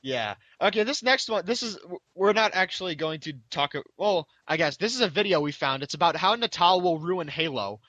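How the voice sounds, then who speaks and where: Bright-voiced man hosting a gaming podcast. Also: sits high, lively intonation, fairly quick, hardly any pauses, no echo, muffled recording. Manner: upbeat, loose, many restarts. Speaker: podcast host. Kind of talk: casual chat.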